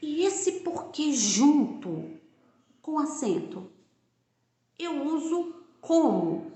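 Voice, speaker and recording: A woman's voice: sits high, big pitch swings, very slow, mellow, reverberant. A woman teaching grammar, explaining patiently and repeating example sentences, often checking in with the listener. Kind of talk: classroom-style grammar lesson.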